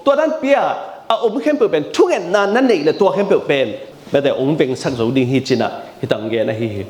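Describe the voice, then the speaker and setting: A man preaching a sermon in a lively, animated way, often repeating words and slipping English terms into his speech. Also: fairly high pitch, fast. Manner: lively, animated delivery with frequent repetition. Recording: echoey room.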